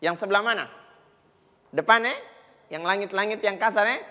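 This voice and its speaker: A man's voice: high-pitched, moderate pace, bright, forceful tone, in a large hall. A man with an Indonesian accent teaching children Arabic letter sounds on a TV lesson, patiently repeating each sound for them to copy. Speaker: Quran recitation teacher.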